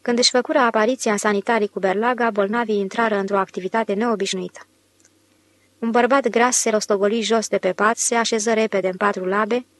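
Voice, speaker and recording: A woman narrating an audiobook in a measured, expressive reading voice. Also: mid-range voice. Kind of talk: scripted narration.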